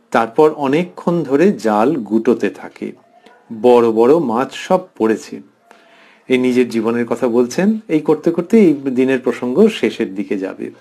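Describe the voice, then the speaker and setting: A middle-aged man giving a devotional lecture, reading quoted passages aloud and explaining them slowly and earnestly. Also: medium pitch, darkish tone. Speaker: spiritual lecturer. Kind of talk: devotional scripture commentary.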